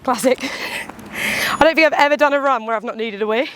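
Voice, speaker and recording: A woman with a high voice chats to the camera while running outdoors. Her delivery is candid and animated, a casual vlog monologue that slips into little imagined quotes. Faint traffic and ambient noise sit behind her. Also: moderate pace. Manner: talking while out on a run. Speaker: runner and vlogger.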